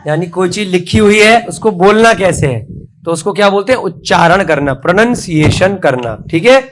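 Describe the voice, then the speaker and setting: A man's voice: sits high, lively intonation, normal speed, slight background noise. A male teacher giving a classroom spelling lesson, who spells words letter by letter and has the children repeat after him.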